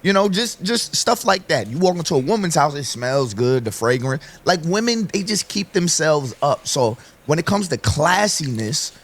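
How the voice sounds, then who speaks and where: A man with a dry, hoarse throat giving his opinions in a commentary video and talking straight to his viewers. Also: on the high side, big pitch swings, normal speed, hardly any pauses, a bit bright. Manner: opinionated, conversational, addresses viewers directly. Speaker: online commentator.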